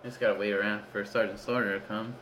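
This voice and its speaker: A man's voice: on the low side, little pitch movement, fast, fairly bright tone. A man hosting a comedy sketch, playing the eager straight man and laughing often. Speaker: host.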